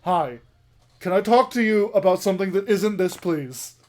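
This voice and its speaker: A man's voice: sits high, expressive, normal speed, faint music behind. A man playing a tabletop role-playing game, speaking insistently to the game master. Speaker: player.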